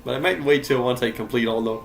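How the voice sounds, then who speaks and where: A man's voice: mid-range voice, quick pace, gravelly, faint music behind. A young man giving casual gameplay commentary, rambling and correcting himself, often laughing. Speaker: game streamer.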